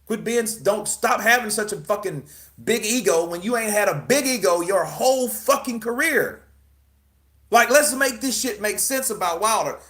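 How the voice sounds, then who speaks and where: A man's voice: sits high, expressive, moderate pace, fairly bright tone. A man hosting casual boxing commentary, emphatic and profane, firing off rhetorical questions. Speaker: boxing news host.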